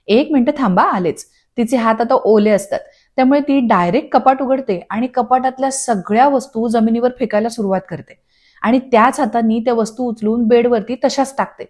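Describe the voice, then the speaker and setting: A woman narrating a scripted voice-over recap of a TV serial, telling the scenes in a steady storytelling way. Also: a little high. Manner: steady storytelling, reading dialogue aloud. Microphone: studio voice-over.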